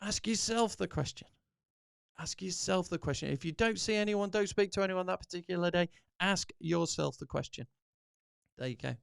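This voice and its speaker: A man's voice: sits high, moderate pace, vocal fry, clear, resonant tone, dry recording, clean studio sound. A middle-aged man hosting a podcast, giving an earnest, encouraging motivational talk that rambles with restarts. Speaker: podcast host.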